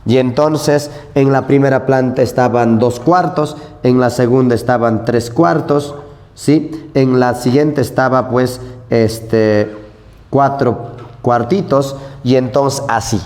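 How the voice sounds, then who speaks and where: Animated male literature teacher. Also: medium pitch, slow pace. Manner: animated, constantly checks in with students. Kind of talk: prep-school lecture. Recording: long hall reverb.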